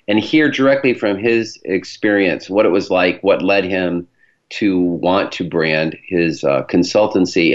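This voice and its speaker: A man's voice: sits low, lo-fi sound. A man with a Great Lakes accent from Michigan, hosting a show in a chatty, explanatory way and addressing listeners directly. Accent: Michigan, Great Lakes American. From Michigan, United States. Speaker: podcast host, branding professional.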